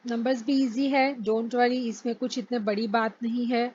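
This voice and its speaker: A woman's voice: fairly high pitch, fairly even intonation, moderate pace, darkish tone, dull audio, a little hiss or hum. A woman teaching French pronunciation in a casual lesson, patient and spelling words out letter by letter.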